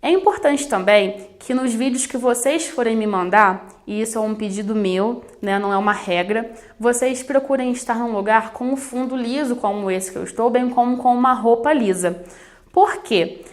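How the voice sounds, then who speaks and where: A woman's voice: on the high side, normal speed. A woman from Brazil teaching a recorded video lesson on sign language, explaining directly to the camera and addressing her students. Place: studio with plain backdrop. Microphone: camera-facing studio recording.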